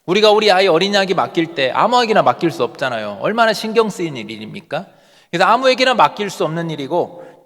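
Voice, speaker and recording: Male pastor preaching a sermon, kinda high voice, long church hall echo. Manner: earnest preaching with rhetorical questions. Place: church sanctuary.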